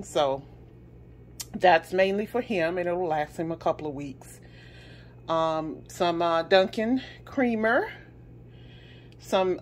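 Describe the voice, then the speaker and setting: A woman's voice: medium pitch, a little hiss or hum. A middle-aged woman chatting casually through a grocery haul in her home kitchen, rambling with lots of ums and restarts. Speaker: vlogger.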